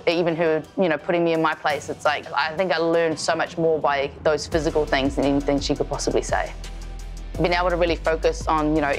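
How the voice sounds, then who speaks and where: Upbeat young New Zealand woman, lower voice. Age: 20s. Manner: casual, upbeat, laughs easily. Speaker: MMA fighter. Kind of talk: documentary interview.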